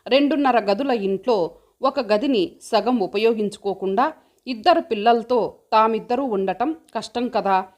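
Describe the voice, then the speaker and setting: Woman, audiobook narrator, calm measured storytelling, somewhat high voice.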